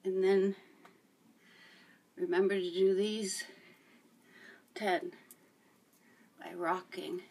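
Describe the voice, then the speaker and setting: A woman's voice: medium pitch, level tone, drawn-out words, pauses often, darkish tone, slightly rough. A middle-aged woman demonstrating a home workout, chatty and encouraging and out of breath. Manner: chatty, encouraging, laughs while exercising. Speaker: fitness vlogger. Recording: voice from a distance.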